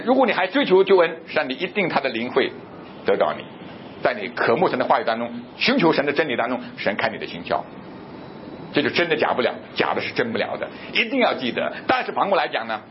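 A man preaching a sermon, asking questions and answering them himself, and reading scripture aloud slowly. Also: mid-range voice, muffled recording, a little hiss or hum. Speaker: pastor.

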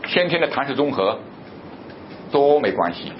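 A man preaching a sermon, asking questions and answering them himself, and reading scripture aloud slowly. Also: medium pitch, big pitch swings, lo-fi sound, slight background noise. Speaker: pastor.

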